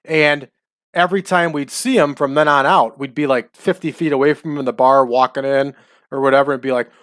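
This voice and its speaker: A chatty man in his forties hosts a relaxed playthrough of a wrestling management game and rambles loosely between results. His voice sits at an ordinary middle pitch. He records close to a dry mic. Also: brisk, dry recording. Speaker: let's-play host. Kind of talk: casual commentary over a wrestling management game.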